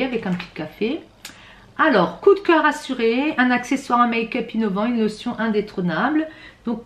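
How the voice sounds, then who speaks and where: A woman chats through an unboxing, stopping and restarting with lots of fillers. Her voice is somewhat high and a bit rattly, and it rings in an echoey room. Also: a little hiss or hum. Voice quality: self-described rattly voice. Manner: chatty, hesitant, many fillers and restarts. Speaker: beauty vlogger. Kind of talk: casual unboxing chat.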